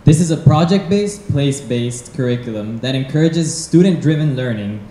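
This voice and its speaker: Teen guy from ecuador hosting, warm mellow voice, echoey hall. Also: mid-range voice, lively intonation, moderate pace, slight background noise. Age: teens. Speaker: student co-host. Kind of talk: scripted event hosting. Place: large event hall. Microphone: handheld microphone. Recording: echoey hall with handheld mic.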